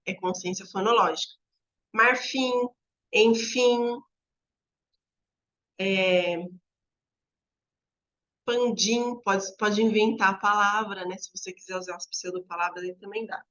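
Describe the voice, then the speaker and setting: A woman teaching fellow teachers in a relaxed lesson, walking through word examples one by one and drawing out the sample words slowly. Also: medium pitch, highs cut off. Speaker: teacher trainer.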